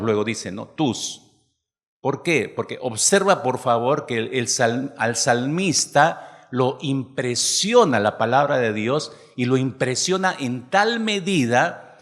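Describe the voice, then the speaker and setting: A man preaching a sermon, often asking the congregation rhetorical questions. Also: medium pitch. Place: church hall. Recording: long hall reverb.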